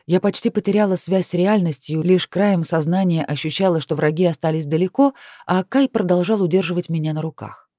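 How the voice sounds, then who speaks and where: A woman narrating a fantasy story in the first person, measured and even. Her voice is mellow and warm. The recording is dry and close. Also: on the low side, no room sound. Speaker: audiobook reader.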